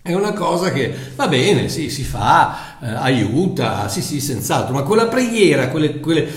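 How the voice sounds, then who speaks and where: Male preacher, slightly high voice, loose conversational sermon with restarts, echoey room. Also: sing-song, measured pace. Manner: conversational, repeats words while searching for them.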